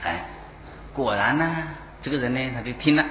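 A man's voice: mid-range voice, expressive, moderate pace. A man, a Buddhist monk with a Taiwanese Mandarin accent, giving a dharma talk and telling parables, chuckling at his own points. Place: temple lecture hall. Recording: echoey hall, dull lo-fi, faint hiss.

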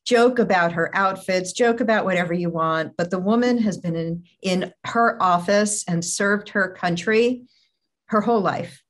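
A woman's voice: medium pitch, normal speed. A woman hosting a morning TV segment, playful and curious, asking follow-up questions in casual chat. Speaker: morning TV host.

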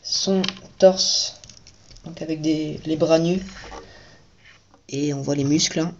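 Toy reviewer, casual build commentary, chatty, repeats praise, mid pitch, dull lo-fi sound. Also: steady tone, takes it slowly, background noise. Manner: chatty, keeps praising with the same words. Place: at home at night.

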